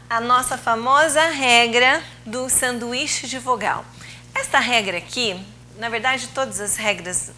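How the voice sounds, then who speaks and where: A woman teaching English in a recorded video lesson, explaining rules slowly and patiently, drawing out key words, with Portuguese as her first language. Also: fairly high pitch, pushed and bright, a little hiss or hum, poor audio.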